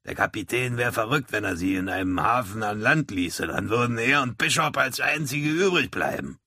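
A man's voice: medium pitch, expressive, normal speed, pushed and bright, no echo, studio quality, voice pushed up. A man voicing a toothless old sailor. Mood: matter-of-fact. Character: oldest sailor, toothless and bald, dry.

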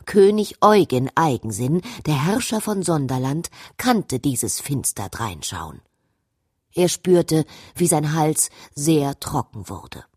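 Slow, husky woman reading a children's story. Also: low voice, no echo, clean studio sound. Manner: expressive, varied voicing. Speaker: narrator.

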